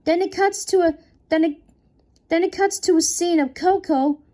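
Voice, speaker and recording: A woman narrating a horror story in a halting way, with frequent restarts. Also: extremely high pitch, warm tone. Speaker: creepypasta narrator. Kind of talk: unscripted horror story reading.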